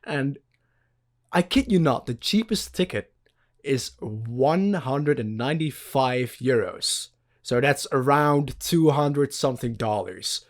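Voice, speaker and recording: A man's voice: mid-range voice, animated, takes it slowly. Young man rambling casually. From Netherlands. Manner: loose and rambling, swears casually, laughs often. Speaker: podcast host. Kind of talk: casual chat.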